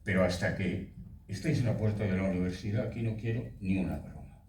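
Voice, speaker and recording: A man in his eighties, a voice actor telling stories at a festival talk in a relaxed way. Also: low voice, quick pace, slight background noise. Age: 80s. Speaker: voice actor guest. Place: festival hall. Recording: echoey hall, speaker far from mic.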